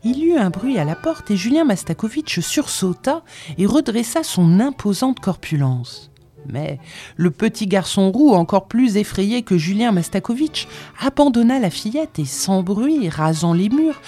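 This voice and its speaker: Woman narrator for literary audiobook; mellow, animated reading over soft music. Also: mid-range voice. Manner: measured, expressive storytelling.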